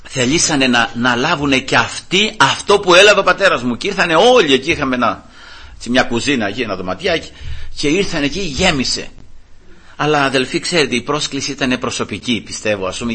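A middle-aged man from the Peloponnese preaching a sermon in church, telling his own story as an animated storyteller who keeps turning to address the congregation. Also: mid-range voice, breathy edge. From Greece, Peloponnese. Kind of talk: sermon with personal testimony.

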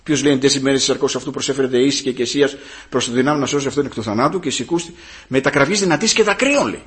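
A man preaching a sermon, moving from calm teaching to loud, fervent calls and often repeating hallelujah. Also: medium pitch.

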